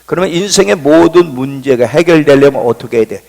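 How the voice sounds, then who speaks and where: A man pastor preaching a sermon in a church, impassioned and dramatic, swinging from loud cries to hushed near-whispers. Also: fairly high pitch, animated, brisk, gravelly. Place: church sanctuary. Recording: long reverb of a church hall.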